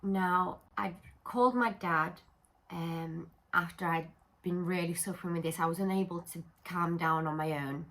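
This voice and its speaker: A woman's voice: fairly low pitch, steady tone, moderate pace, fairly bright tone. A woman talking candidly to camera about mental health, in an earnest, explanatory way. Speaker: vlogger.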